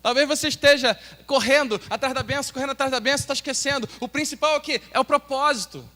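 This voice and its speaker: A Brazilian pastor with a Brazilian Portuguese accent, preaching an earnest sermon and asking the congregation questions. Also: male voice, extremely high pitch, quick pace, pushed and bright. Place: church hall. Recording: long hall reverb.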